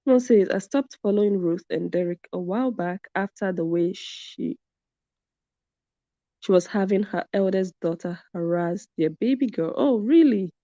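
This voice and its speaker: A woman hosts a live commentary stream, reading out viewer comments and driving her points home by repeating them. Her mid-range voice is mellow at a normal speed, and the dry recording has a dull, lo-fi sound.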